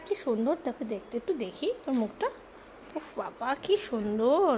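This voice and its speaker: A woman's voice: a little high, sing-song, moderate pace, mellow, a little hiss or hum. A woman at home talking to her pet dog in a coaxing, mock-scolding baby-talk way. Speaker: dog owner.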